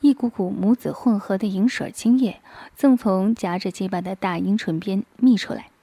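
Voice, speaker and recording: A woman reading a story aloud in a soft, breathy half-whisper, close to the microphone. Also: medium pitch, moderate pace, dry recording. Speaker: narrator.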